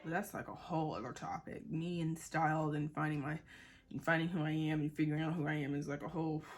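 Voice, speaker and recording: A Boston woman in her twenties, a vlogger, rambles through a casual chat while getting ready, full of fillers and acted-out quotes. Her voice is low with little pitch movement and a quick pace, and a faint crowd can be heard.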